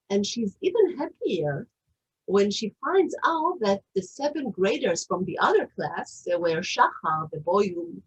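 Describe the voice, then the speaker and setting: Husky-voiced woman presenting online. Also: medium pitch, rough recording. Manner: hesitant, explanatory, many fillers and restarts. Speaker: author presenting her book.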